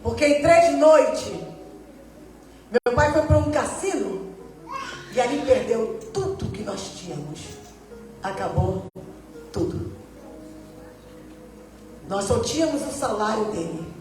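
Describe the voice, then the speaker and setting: Woman, missionary preacher, testimony sermon, acts out dialogue, very echoey church hall, soft music underneath. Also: fairly high pitch, lively intonation, takes it slowly, long pauses, recorded from a distance. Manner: storytelling, acting out quoted dialogue.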